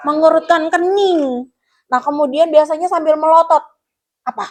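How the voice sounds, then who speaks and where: A woman counselor teaching a guidance lesson to a class of pupils, explaining step by step and asking them questions as she goes. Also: sits high.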